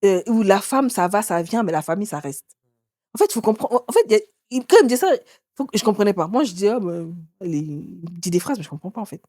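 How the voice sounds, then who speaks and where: A woman in her forties, an author and interview guest, telling her own story in a lively way and acting out what others said. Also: fast talker, dry recording, studio quality. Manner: animated, acts out others' words with sudden pitch jumps.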